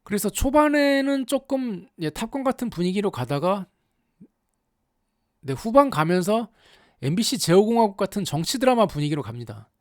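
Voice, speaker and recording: A YouTube anime commentator tells a story casually and animatedly, throwing in exaggerated asides and rhetorical questions for the audience. The mid-range voice moves at a moderate pace in a dry, clean studio recording.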